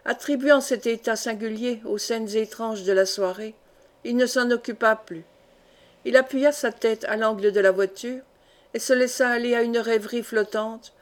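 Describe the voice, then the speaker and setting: A woman reading a classic fantasy novel aloud as a measured, even audiobook narration. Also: on the high side. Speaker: audiobook reader.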